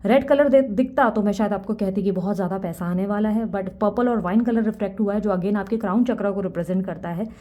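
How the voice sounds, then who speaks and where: Fast-talking woman tarot reader, mellow. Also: medium pitch. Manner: rapid, earnest, mixes English words into Hindi. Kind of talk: Hindi-English tarot reading to camera.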